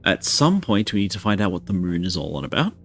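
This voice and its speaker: A man's voice: low-pitched, sing-song, fast talker, fairly bright tone, faint music behind. A man streaming a video game live, chatting casually and rambling to his viewers. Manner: rambling, chatty, self-deprecating.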